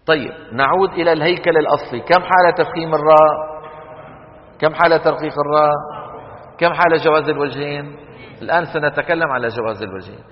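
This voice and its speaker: Guy teaching a quran recitation class, fairly high voice, quizzes the room, lo-fi echoey lecture hall recording. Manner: quizzes students with quick questions, chants Quran examples slowly. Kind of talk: classroom lesson on tajweed rules. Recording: dull lo-fi recording with long hall reverb.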